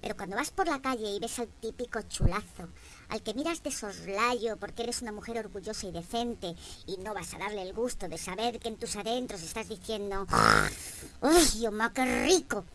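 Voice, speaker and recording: A woman's voice: medium pitch, a little fast. A woman with a Spain Spanish accent delivering a comic monologue in a wry, sarcastic storytelling manner. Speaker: comedian.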